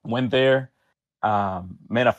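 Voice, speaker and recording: This podcast guest, a tournament organizer originally from Venezuela who later moved to Miami, chats casually, spinning stories in slang and playing out snippets of conversation. He speaks slowly in a mid-range voice, and the recording sounds lo-fi.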